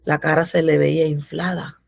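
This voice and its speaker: A woman's voice: deep voice, flat delivery, moderate pace, gravelly, no room sound. A woman giving a religious testimony in a devotional, telling her story with fervor and acting out the prayers she quotes. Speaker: devotional speaker.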